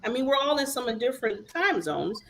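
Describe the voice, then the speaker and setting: Chatty woman host with a gravelly edge. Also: fairly high pitch, big pitch swings, moderate pace, a little hiss or hum. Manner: warm, chatty, laughing often. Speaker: talk show host. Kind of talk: casual online talk show hosting.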